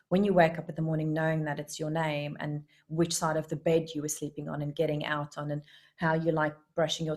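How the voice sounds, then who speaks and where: A woman with a South African accent teaching a hypnotherapy webinar, animated and acting out little voices to make her points. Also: on the low side.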